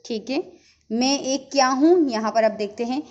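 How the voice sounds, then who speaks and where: A woman's voice: sits high, darkish tone, lo-fi sound, faint music behind. Patient woman teaching young children. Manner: patient, slow teacher talk with repeated checks. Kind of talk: online Urdu lesson for young children.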